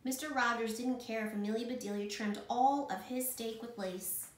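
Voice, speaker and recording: A woman school principal reading a picture book aloud to children in a warm, expressive way. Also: a little high, normal speed, roomy sound.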